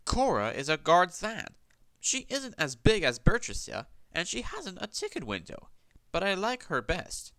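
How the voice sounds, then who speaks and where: A bright, eager young engine, lifted high and swinging up and down as he chatters, as a man reads him out. The storybook voice is crisp and close, with a dry, roomless sound. He stays earnest and polite throughout. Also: wildly swooping pitch, unhurried, no echo, full character voice. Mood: chatty.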